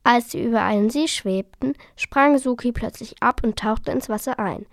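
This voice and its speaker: A woman reading a children's story aloud, softly and at times in a whisper. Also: on the high side, normal speed, dry recording, studio quality.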